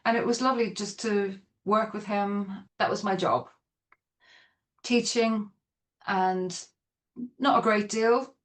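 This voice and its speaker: A woman's voice: mid-range voice, fairly even intonation, slow, long pauses. Chatty Dublin-accented woman. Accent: Irish, Dublin. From Ireland. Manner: chatty, rambling with restarts. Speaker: guest. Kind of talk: podcast interview.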